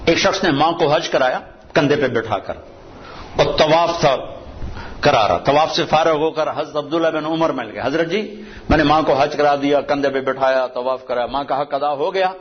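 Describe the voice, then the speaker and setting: Preacher with a lilt. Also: male voice. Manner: storytelling, recites Arabic verses in a low measured voice. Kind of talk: sermon. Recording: dull lo-fi with faint noise.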